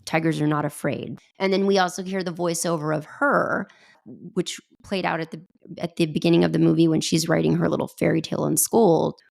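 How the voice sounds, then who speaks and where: A woman's voice: low voice, flat delivery, brisk, creaky, darkish tone. A woman co-hosting a podcast, retelling a film scene in casual chat, so moved that she nearly cries. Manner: emotional retelling, voice catching near tears. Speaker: podcast co-host.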